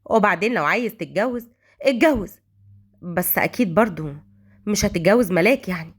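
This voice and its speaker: A woman's voice: medium pitch, lively intonation, fairly quick, breathy edge, voice pushed down. A woman voicing an older mother with an Egyptian accent, who scolds and pleads with her son. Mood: pleading. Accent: Egyptian Arabic.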